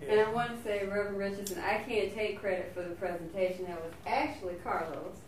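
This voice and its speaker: A woman's voice: medium pitch, fairly even intonation, fast. Southern-drawling woman in an echoey meeting room. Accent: Southern US drawl, Alabama. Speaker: housing authority staff member. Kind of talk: explaining at a board meeting. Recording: echoey room, distant mic, faint noise.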